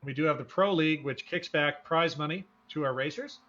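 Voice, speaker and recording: He speaks briskly in a voice on the high side with a bit of brightness, hosting a live sim racing show and calling the action in a relaxed, folksy, enthusiastic manner. The sound is dull, lo-fi broadcast audio.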